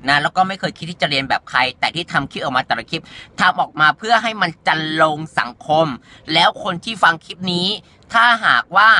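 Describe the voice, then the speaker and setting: A man's voice: fairly high pitch, bright, forceful tone. A young man talking straight to the camera, answering online comments in a sassy, campy and blunt way. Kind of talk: candid monologue to camera.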